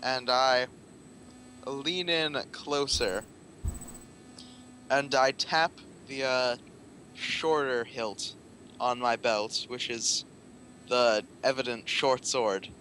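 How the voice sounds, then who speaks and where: A man playing a tabletop game, deliberately describing what his character does. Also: medium pitch, steady tone, bright, forceful tone, a little hiss or hum, poor audio. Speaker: player.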